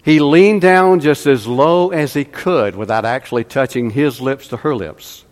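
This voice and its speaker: A man preaching a sermon, telling a story slowly with dramatic pauses. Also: medium pitch. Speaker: pastor. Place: church sanctuary. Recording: long hall reverb.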